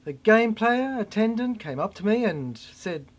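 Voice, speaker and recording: A performer gives a theatrical spoken-word monologue in a mid-range voice with lively intonation. The phrasing is fragmented and halting, swinging dramatically.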